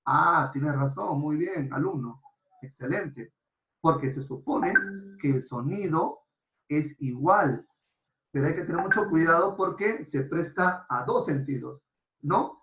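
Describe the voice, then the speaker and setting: A man teaching a grammar lesson in a clear, explanatory way, often checking in with his students. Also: fairly high pitch, lively intonation, unhurried, fairly bright tone. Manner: explanatory, checks in with frequent rhetorical questions. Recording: roomy echo.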